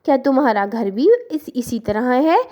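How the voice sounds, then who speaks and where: A woman voicing a cautious female pigeon in a cartoon story, polite and sweet but sharp when she scolds. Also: high-pitched, lively intonation, moderate pace.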